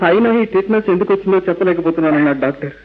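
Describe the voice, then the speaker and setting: A high-voiced Telugu Indian man as an anguished, rationalist father in an old radio play. He is emphatic and theatrical, dropping in English words, on a tinny, narrow-band recording. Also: racing. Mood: firm, reasoning. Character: rationalist young father, atheist, anguished over his son. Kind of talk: old radio drama acting.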